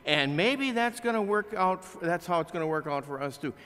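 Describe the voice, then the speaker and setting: An older pastor delivers a sermon from the pulpit of a large chapel, preaching to the congregation plainly and conversationally at a moderate pace, with animated swings between loud and hushed. His slightly high voice sounds bright and forceful. The pulpit microphone, filmed by a distant camera, picks up a long reverb lingering in the room.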